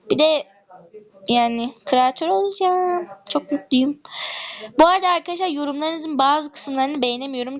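A woman's voice: high voice, dull audio. A woman YouTuber chatting casually while playing a game, with chatty, gossipy, complaining asides. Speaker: gaming YouTuber. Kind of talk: casual gameplay chat.

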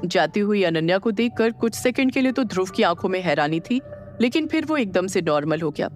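A narrator reading an audio drama in steady, scripted storytelling style. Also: mid-range voice, fairly quick, faint music behind.

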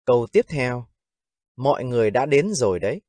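A man with a Vietnamese accent teaching English phrases, repeating each one slowly and deliberately. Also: medium pitch, sing-song, warm tone, dry recording.

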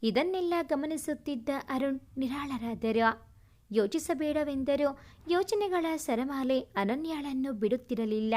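High-voiced woman telling a story. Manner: steady, expressive storytelling. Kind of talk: scripted narration.

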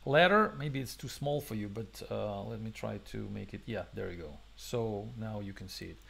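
A man's voice: lowish voice, normal speed, vocal fry, a bit bright, slight background noise. A man hosting a programming webinar, thinking aloud through a live coding demo with many fillers, restarts and non-native phrasing. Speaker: webinar host and programming instructor.

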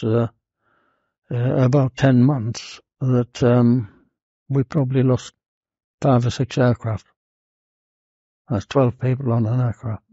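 An elderly man recalls wartime patrols in a mellow, dark voice, pausing often with ums and uhs. The recording is dry and a little dull, lacking top end. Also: mid-range voice, slightly rough, no echo. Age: older. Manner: hesitant, many "um" and "uh", gentle. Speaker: wartime flying boat crewman recalling service. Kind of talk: reminiscing interview.

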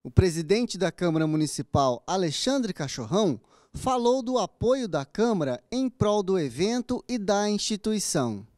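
Mellow-voiced Brazilian male reporter. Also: high voice, very animated, moderate pace. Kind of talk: news reporting and interview questions.

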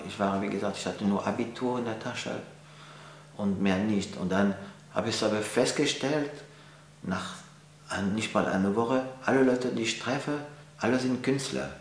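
A French painter in his forties, with a lowish, creaky voice, answers interview questions in German with a French accent, using many fillers and restarts. He is indoors at an art gallery, where the room echoes and a faint hum runs underneath.

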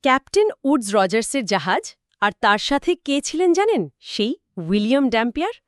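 A woman co-hosts a scripted history talk, her voice smooth and resonant and a little high. She is recorded close and dry. She fills in story details and answers her partner with short agreements. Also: big pitch swings, a little fast, no room sound. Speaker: co-host. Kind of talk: scripted two-host history chat.

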